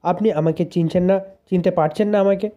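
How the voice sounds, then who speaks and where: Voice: medium pitch, fairly even intonation, brisk, warm tone, lo-fi sound, natural voice. A narrator reading the lines of a distraught young wife who pleads with her husband, repeating herself. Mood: pleading.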